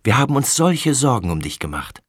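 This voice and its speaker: Ein Mann, der in einem Hörbuch eine liebevolle, besorgte Mutter spricht, mit bittendem Ton. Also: male voice, medium pitch, sing-song, fairly quick, slightly rough, no echo, clean studio sound, pitched above the performer's own voice. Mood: loving. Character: loving, worried mother.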